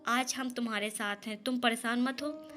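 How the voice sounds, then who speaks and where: A woman's voice: a little high, fairly even intonation, normal speed, pushed and bright, faint music behind. A woman voicing a determined middle-aged neighbor woman who speaks firmly and reassuringly. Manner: firm, reassuring.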